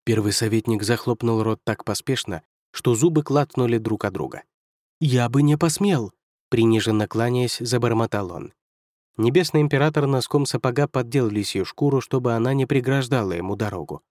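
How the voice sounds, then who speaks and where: A man's voice: medium pitch, a little fast, dry recording. Man narrating a story in a dry close tone. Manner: expressive storytelling. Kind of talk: audiobook narration.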